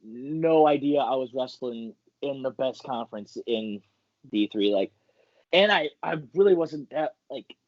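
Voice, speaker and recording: Animated young man telling a story. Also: medium pitch, unhurried, no room sound, muffled recording. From Michigan. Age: young adult. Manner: animated, acts out quotes, many "like" fillers. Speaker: guest, college wrestler. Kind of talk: casual interview storytelling.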